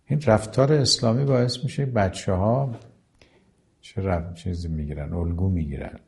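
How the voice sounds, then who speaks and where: A man giving a religious lecture who recites Arabic passages slowly and then explains them in plain everyday speech. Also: deep voice, gravelly, darkish tone. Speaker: preacher.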